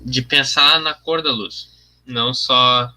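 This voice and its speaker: A man's voice: medium pitch, fairly even intonation, slow pace, pushed and bright, a little hiss or hum. A young man, chatting casually on a livestream while he colors his artwork, thinking aloud about his process and answering viewer comments. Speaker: artist streaming his work.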